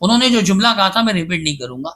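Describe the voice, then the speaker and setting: A man's voice: sits high, very animated, sharp tone. A man speaking as a guest scholar in a podcast interview, insistent and emphatic as he defends himself at length. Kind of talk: casual debate-style interview talk.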